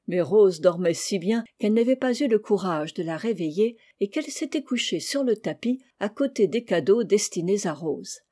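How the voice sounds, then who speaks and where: A woman reading a children's novel aloud in a gentle, even storybook style, lightly voicing the characters' lines. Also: medium pitch, moderate pace, hardly any pauses. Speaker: audiobook reader. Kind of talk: storybook narration.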